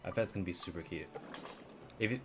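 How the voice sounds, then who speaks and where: A man with a low voice chats fast and casually while streaming a video game. There is background noise, with the game's music and dialogue audible behind him.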